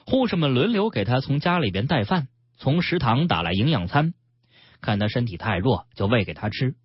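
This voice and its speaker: A man, hosting a radio health show and reading a story aloud with calm, expressive storytelling. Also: mid-range voice, normal speed, husky, dry recording. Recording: dull radio broadcast.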